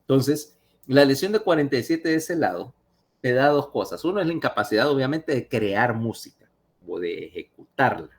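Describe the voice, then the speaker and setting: A man's voice: mid-range voice, sing-song, moderate pace. A man lecturing over a video call in a chatty way, telling anecdotes and asking his listeners questions.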